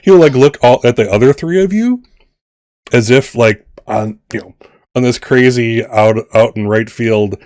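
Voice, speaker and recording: A man's voice: mid-range voice, darkish tone, no echo, clean studio sound. Rambling man running a tabletop game. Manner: rambling, halting, many restarts. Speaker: game master.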